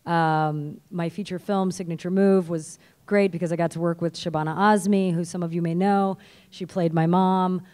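A woman's voice: lowish voice, fairly even intonation, normal speed, warm tone. A middle-aged woman from Canada speaking on a convention panel into a handheld mic, chatty and self-deprecating. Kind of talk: panel talk. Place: stage in a convention hall.

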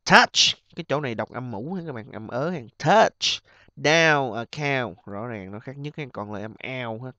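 A man teaching an exam review lesson, stretching out example words slowly and then explaining them in quick asides. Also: mid-range voice, dry recording. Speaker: English teacher.

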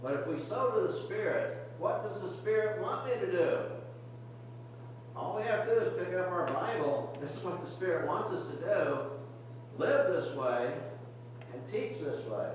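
A man's voice: high-pitched, expressive, moderate pace, slight background noise. Older man preaching in an echoey church. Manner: earnest, repetitive exhortation with frequent restarts. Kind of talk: sermon. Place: church sanctuary, medium size, indoors. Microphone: podium mic, camera far at back of room. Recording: very echoey distant church recording.

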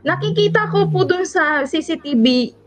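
A woman from the Philippines speaks in a high voice as an interview guest. She is a caregiver, and she tells of surviving an attack in an earnest, shaken and polite way, going through each event step by step. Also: animated, moderate pace. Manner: polite, adds respectful particles and retells events step by step; earnest and shaken while recounting. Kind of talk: emotional first-person testimony in an interview.

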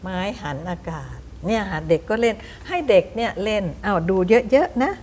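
Middle-aged female teacher, lecture to teachers, spells words aloud and quizzes the room; mid pitch, faint background noise. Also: lively intonation, moderate pace, a little mellow. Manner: explains with demonstrations; asks the audience questions.

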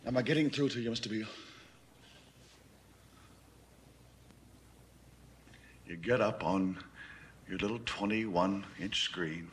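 An actor plays a domineering middle-aged American corporate tycoon, preaching through a grandiose, theatrical film monologue with emphatic, deliberate phrasing. His male voice is mid-range with a fairly bright tone, and there's a little hiss or hum.

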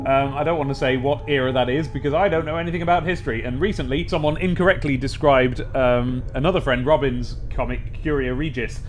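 A young adult British man hosts a let's play, reading aloud and giving casual, chatty, rambling and wry game commentary. His mid-range voice is steady and brisk with few pauses. He's close on a desk mic with a pop filter in a small indoor room at home or an office, with slight background noise.

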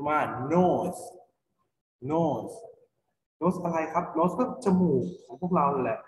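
Slow-talking Thai male teacher, echoey room. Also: a little high, expressive, slight background noise. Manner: patient, spells words letter by letter, asks and answers own questions. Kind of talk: online English phonics lesson for children. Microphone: computer mic for online class.

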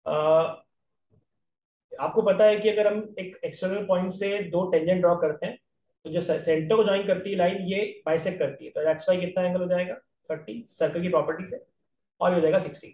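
This aptitude exam math teacher, who has an Indian accent, explains geometry step by step in an online lecture, often asking "right?". His voice sits high with a darkish tone and echoes in the room, far from the mic.

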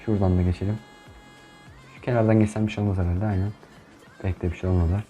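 A young man commenting on his gameplay in a casual, chatty way, who gets frustrated and shouts at opponents. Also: sits low, steady tone, fast talker, dull audio, soft background music. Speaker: gaming YouTuber.

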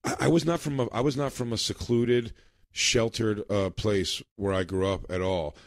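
A man's voice: on the low side, steady tone, moderate pace, dry recording, studio quality. A man co-hosting a podcast in casual chat, a telling rambling stories and laughing mid-sentence. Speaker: podcast co-host.

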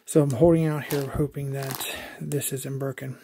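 A man's voice: medium pitch, flat delivery, moderate pace, gravelly, noisy background. A man casually narrating an unboxing of a collectible figure, explaining each step with fillers as he goes. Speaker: toy collector reviewer.

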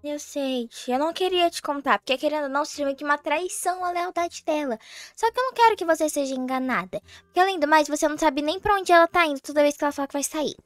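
A woman plays a chatty teenage cousin in a game roleplay, her voice high and close. She rambles on with fillers, fretting and honest, over faint music. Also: fast, dry recording, close to an everyday voice. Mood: earnest. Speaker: roleplay player.

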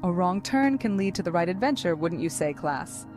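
A cheerful, adventurous schoolteacher, voiced by a woman narrating a storybook. She speaks with upbeat enthusiasm, her voice sitting fairly low for a woman. Soft music plays faintly behind her. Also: expressive, moderate pace, natural voice.

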